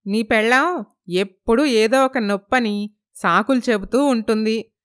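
A woman puts on a bossy mother-in-law in a storybook tale, voiced a little high and smooth. She nags and threatens with a sharp tongue, never letting up. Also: unhurried. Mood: nagging. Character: domineering middle-aged mother-in-law, harsh.

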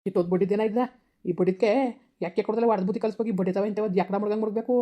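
A woman's voice: mid-range voice, steady tone, very fast, lightly acted. A woman playing a furious cursing village father. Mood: raging. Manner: shouting, abusive, bitter. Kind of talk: village family drama acting. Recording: dull lo-fi recording.

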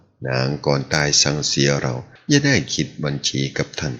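A man voicing a grim, vengeful old male fighter who mutters his threats low. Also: big pitch swings, moderate pace, fairly bright tone, full character voice. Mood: bitter. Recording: dull lo-fi audio.

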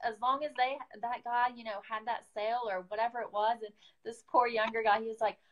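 A woman's voice: on the high side, steady tone, fairly quick, lo-fi sound. A woman, a beauty guide with an Oklahoman accent, telling a story in a chatty, casual live chat, full of fillers and quoted asides.

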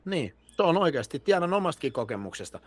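A man's voice: a little high, sing-song. A man as a podcast guest, talking earnestly and restarting his sentences as he agrees. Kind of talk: casual podcast conversation.

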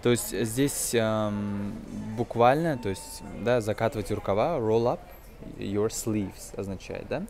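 A man in his twenties, working as an English teacher, delivers a relaxed film-based language lesson. His pitch is fairly low and his pace measured, and he explains hesitantly, one phrase after another.

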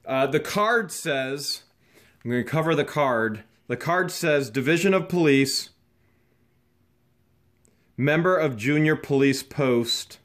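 Excited man narrating an unboxing. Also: on the high side, slow, pauses often. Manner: excited, chatty, narrating to camera. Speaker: host. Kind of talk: casual unboxing vlog. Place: dusty garage.

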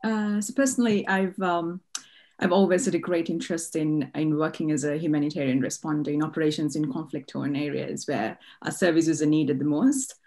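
A woman's voice: deep voice, fairly even intonation, a little fast, darkish tone. A young woman from Sri Lanka, a student, asking a careful, polite question on a video call from a plain room. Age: young adult. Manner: careful, polite, slightly hesitant. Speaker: master's student, panelist. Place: indoors, plain light room. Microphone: video call webcam.

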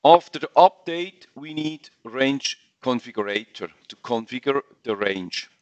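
Man trainer, slow halting webinar walkthrough, dull dry audio. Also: mid-range voice, expressive, no room sound. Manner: halting non-native English with fillers and restarts. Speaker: software trainer. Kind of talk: webinar screen-share walkthrough.

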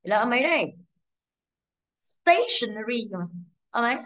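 A woman's voice: fairly high pitch, lively intonation, racing, bright, forceful tone. Upbeat Vietnamese woman teaching English. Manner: asks rhetorical checks, self-corrects, explains patiently. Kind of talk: exam review lesson.

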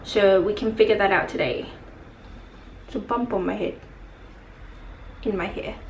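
A woman's voice: mid-range voice, measured pace, a little hiss or hum, low-quality recording. A woman, chatting casually into a handheld camera in a rambling vlog style. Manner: chatty, rambling, filler-heavy. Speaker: vlogger. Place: car, gym and home. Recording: music playing behind.

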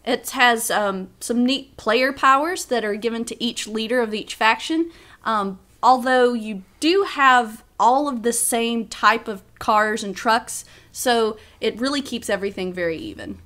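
A woman's voice: on the high side, measured pace, a bit bright. A woman co-hosting a board game preview, moving from scripted lines into friendly, chatty remarks with a few restarts. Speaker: game reviewer co-host.

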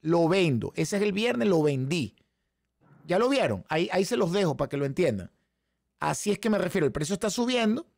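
A Venezuelan man, hoarse, runs a live trading class. His voice sits a little high but carries a gravelly fry, with a dry, close sound. He keeps checking in with his audience through quick rhetorical questions. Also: no room sound. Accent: Venezuelan Spanish. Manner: animated, talks straight to the chat audience with frequent rhetorical questions. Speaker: trading instructor. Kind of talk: live-stream trading lesson.

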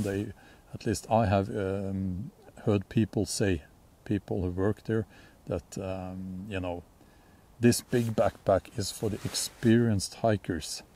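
A Norwegian man with a Norwegian accent, hosting a casual bushcraft gear talk outdoors in a forest, relaxed and rambling with many ums and restarts. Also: on the low side. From Norway. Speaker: bushcraft channel host. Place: outdoors in a sunny forest clearing.

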